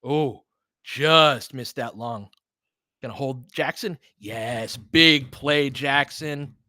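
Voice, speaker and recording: A man speaks slowly in a medium-pitched, sharp-toned voice, captured as a dry, studio-quality recording. He's the host of a basketball film-room audio stream, giving informal live play-by-play and analysis while chatting with listeners and egging the players on the way a fan would.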